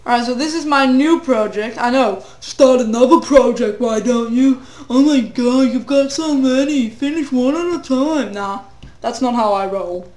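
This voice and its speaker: Recorded with roomy sound, the extremely high-pitched, slightly mellow voice belongs to a teenage boy gaming with a cold. His commentary is rambling and self-deprecating, sprinkled with sing-song asides, and his voice is going hoarse.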